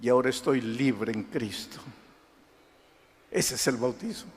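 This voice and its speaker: A male pastor preaching a sermon, telling stories dramatically and swinging from hushed tones to shouting. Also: mid-range voice, a little slow. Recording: echoey hall with music behind.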